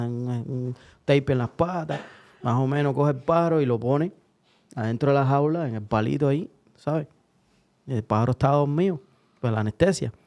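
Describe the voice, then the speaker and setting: Male podcast host, mid-pitched, rambling casual joke-teller. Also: darkish tone. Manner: rambling, hesitant, many restarts. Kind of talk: casual chat and joke-telling.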